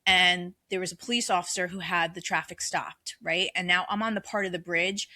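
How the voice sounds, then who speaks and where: Bright, animated middle-aged woman storyteller. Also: fairly low pitch, a little fast, no echo. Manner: animated storyteller who acts out her own past thoughts and swears freely. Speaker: podcast guest. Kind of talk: casual chat.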